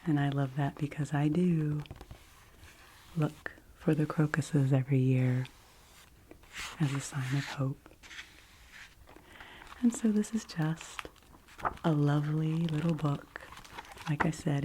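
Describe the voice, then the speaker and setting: A woman giving a whispered ASMR book review and reading in a soft library whisper, gentle and deliberate, with long pauses. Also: low voice, noisy background. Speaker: ASMR host.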